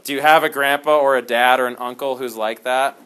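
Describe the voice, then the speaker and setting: A man teaching a history class in a classroom, talking in an animated, jokey way and slipping into dramatic storytelling. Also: medium pitch, a little fast, a little hiss or hum. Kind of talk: classroom lecture.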